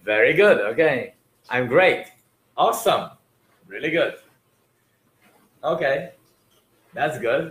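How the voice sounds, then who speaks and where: A man teaching a livestream lesson in a roomy space with an audible echo. His pitch sits in a middle range. He hesitates with many fillers as he moves between Vietnamese and English. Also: expressive, takes it slowly, long pauses, a bit bright. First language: French. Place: livestream room.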